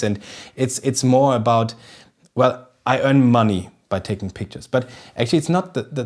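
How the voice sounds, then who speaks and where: The voice is mid-range and a little mellow, belonging to a German man in his thirties speaking English with an accent. Standing in a studio kitchen dressed with festive decorations, he enthusiastically walks the camera through a casual photography tutorial, often restarting as he gropes for the right words.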